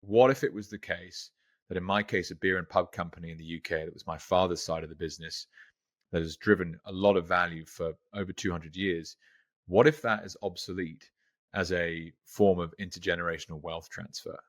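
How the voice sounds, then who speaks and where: A man's voice: low-pitched, steady tone, brisk, no echo, studio quality. A man with a British accent, hosting an interview and speaking enthusiastically. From United Kingdom. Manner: enthusiastic, emphatic. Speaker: host. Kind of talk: interview conversation.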